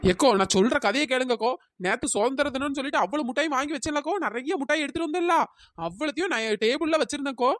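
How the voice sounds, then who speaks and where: A woman's voice: racing, dry recording, clean studio sound. A woman voicing an indignant, hot-tempered young village woman in a cartoon. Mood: indignant ranting. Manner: ranting, indignant. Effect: pitch-raised cartoon voice. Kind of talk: cartoon storytelling.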